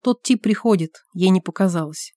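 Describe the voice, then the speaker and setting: A man's voice: high voice, normal speed, warm tone, dry recording, clean studio sound, lightly acted. A woman voicing a sullen, reluctant private detective who answers in short, curt lines. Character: gruff reluctant private detective, man of few words.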